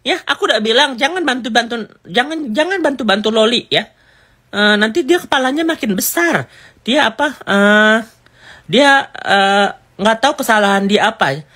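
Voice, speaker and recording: Man doing a furious middle-aged mom, shrill and scolding, pitched very high. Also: animated, moderate pace, bright, forceful tone, full character voice. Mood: angry. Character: angry scolding mother, middle-aged woman.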